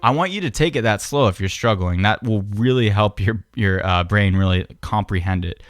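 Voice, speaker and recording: At an ordinary pace and with a somewhat low voice, a man who teaches piano and beatbox leads a relaxed, patient tutorial on the piano. He tends to kick off sentences with "so," and piano music sounds behind him.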